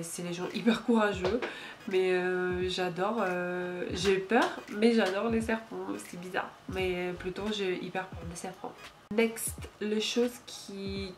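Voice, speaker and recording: A Ukrainian woman in her late twenties talks casually to camera in French, her Ukrainian accent clear and her medium-pitched voice set against a noisy background. She's a YouTuber doing a relaxed Q&A vlog, full of fillers and small slips.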